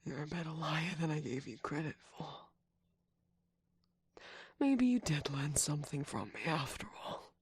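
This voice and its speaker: A woman voicing a scheming, manipulative male cookie trickster in an ASMR roleplay, with a breathy whisper and a sly, taunting manner. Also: low voice, expressive, a little slow, long pauses, no echo, full character voice. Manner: taunting, sly, laughs often.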